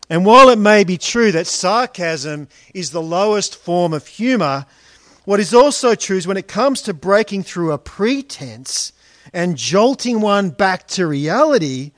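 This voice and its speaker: Male preacher, higher voice, unhurried, wry and sarcastic. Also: no echo, studio quality. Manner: wry, sarcastic asides, addresses listeners as friends and guys. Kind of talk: expository sermon on a Bible letter.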